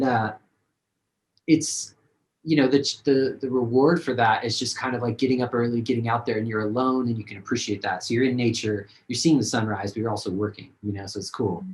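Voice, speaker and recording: A man's voice: medium pitch, darkish tone, poor audio. A man, a singer-songwriter, talking casually and rambling with many fillers in a video-call interview.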